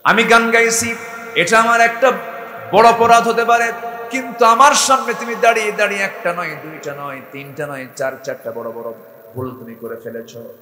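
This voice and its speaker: A man's voice: mid-range voice, steady tone, moderate pace, close to an everyday voice. A man preacher voicing a defiant young woman who lectures a stranger. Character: bold outspoken young woman scolding a stranger. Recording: echoey hall reverb.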